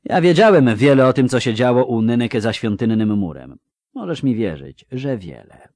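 A male audiobook narrator voicing a loud, commanding, coarse male dwarf officer in a storybook reading. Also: mid-range voice, animated, normal speed, no echo, clean studio sound, pitched above the performer's own voice, lightly acted. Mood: confiding.

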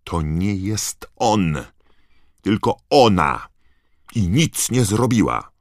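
A man's voice: low voice, lively intonation, slow, creaky, no room sound, studio quality, pitched above the performer's own voice, heavily acted. A man voicing a clever, indignant teenage girl who lectures and insists, in an audiobook.

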